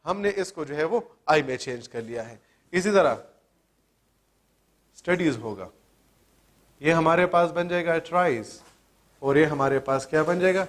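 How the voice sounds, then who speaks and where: An English teacher with a noticeably high voice leads a grammar lesson in class, pausing often. He poses questions and answers them himself, spelling words letter by letter as he goes through each rule.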